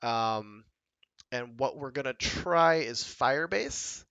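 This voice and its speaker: A man co-hosting a coding livestream in a casual, halting way with many ums, speaking into a headset mic. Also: mid-range voice, expressive, gravelly, a bit bright, smooth, dry recording. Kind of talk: casual live coding chat.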